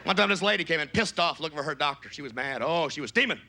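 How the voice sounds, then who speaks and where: A man doing a stand-up comedy routine, jumping into loud high-pitched voices when he quotes people. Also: animated, quick pace, creaky, noisy background. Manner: shouts high falsetto quotes of other people.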